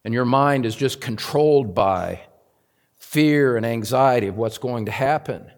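Earnest preacher man building to emphatic peaks. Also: a little slow. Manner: builds in pitch and loudness for emphasis, then drops low; earnest, addresses listeners as beloved. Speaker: pastor. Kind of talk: sermon.

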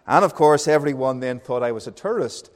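A man in his thirties with a Northern Irish accent, a pastor giving a sermon in an unhurried, friendly way with frequent hesitations. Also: mid-range voice, lively intonation. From Northern Ireland. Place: church hall. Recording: long reverb of a large hall.

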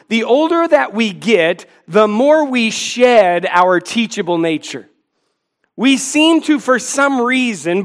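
A man in his forties preaches to his church in a notably high voice. He presses his points with earnest emphasis and lightens them with self-deprecating asides. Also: a bit bright. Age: 40s. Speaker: pastor. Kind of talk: sermon.

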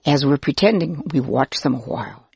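A woman narrating a children's pretend Bible story, gentle and expressive, speaking as both herself and the listener. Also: rumbling low, moderate pace, gravelly, breathy edge, no room sound.

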